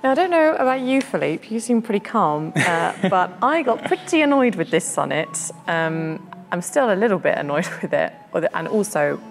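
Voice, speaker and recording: A woman's voice: lowish voice, big pitch swings, normal speed, gravelly, few pauses, faint music behind. Chatty woman host in a reverberant room. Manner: chatty, thinking aloud with fillers. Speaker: podcast host. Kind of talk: casual discussion of poetry.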